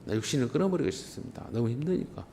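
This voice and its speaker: A man's voice: mid-range voice, big pitch swings, very fast, warm tone, slight background noise. A male pastor delivering an emphatic, impassioned sermon.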